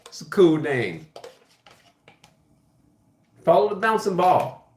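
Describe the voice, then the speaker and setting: A man giving a casual live music lesson, thinking aloud in a halting way and often restarting his phrases. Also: high-pitched, very animated, darkish tone. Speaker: music teacher hosting a livestream. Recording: echoey room with piano playing. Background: piano.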